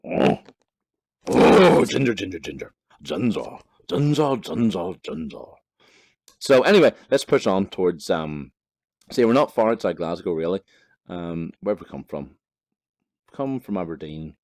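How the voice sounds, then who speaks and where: A young man from Northern Ireland hosts a gaming channel, chatting casually and rambling over his gameplay while swearing freely and laughing at himself. His voice is low and a little mellow, with lively intonation, a slightly slow pace and long pauses. The recording is dry and studio quality.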